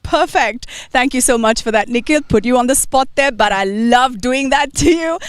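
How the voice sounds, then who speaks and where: A woman's voice: sits high, moderate pace, clear, resonant tone, dry recording. A woman presenting a live golf broadcast from the course in a chatty, upbeat way. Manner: chatty, upbeat, hands back to studio. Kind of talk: live sports broadcast chat.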